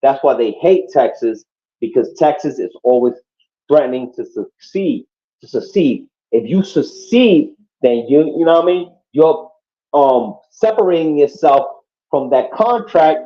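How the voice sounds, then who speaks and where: This Puerto Rican podcaster has a warm, animated, mid-range voice and takes his time. He's casual, emphatic and profane, constantly checking in with "you know what I mean," all captured on muffled, lo-fi audio.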